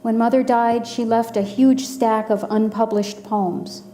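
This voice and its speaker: A woman in her sixties from the Los Angeles area, telling a personal story in a measured, dryly humorous way. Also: fairly high pitch, fairly even intonation, warm tone, a little hiss or hum. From Los Angeles area, USA.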